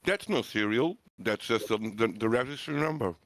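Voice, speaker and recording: A laid-back man in a group voice chat, talking while he eats. His pitch moves around a lot, and his voice sits at a middle pitch for a man. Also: expressive, normal speed, a crowd in the background. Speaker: voice chat guest.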